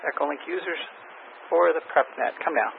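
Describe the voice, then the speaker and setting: Gravelly man heard over static-laced radio. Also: a little high, huge pitch swings. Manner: reads call signs slowly in phonetic alphabet, orderly. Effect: heard over a two-way radio with static. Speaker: amateur radio net control operator. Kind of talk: running a ham radio check-in net. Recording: tinny radio transmission with faint static.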